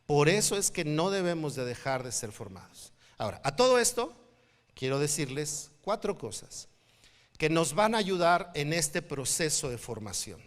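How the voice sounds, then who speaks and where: High-voiced Mexican pastor preaching in a hall. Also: male voice, moderate pace. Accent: Mexican Spanish. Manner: animated storytelling, acting out quoted people. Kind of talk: sermon. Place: church hall. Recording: church hall reverb.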